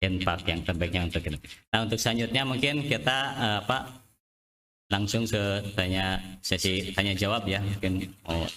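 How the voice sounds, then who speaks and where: A man moderating a study event who speaks haltingly, with many pauses, as he opens the question-and-answer session. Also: on the low side, sharp tone, slight background noise. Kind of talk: hosting a Q&A session.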